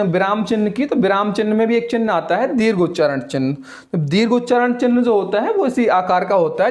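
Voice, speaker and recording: A young man teaching a Hindi grammar lesson, who asks the class questions, answers them himself and stretches out the vowels as he names them. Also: high-pitched. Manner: draws vowels out slowly when naming them. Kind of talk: classroom lecture.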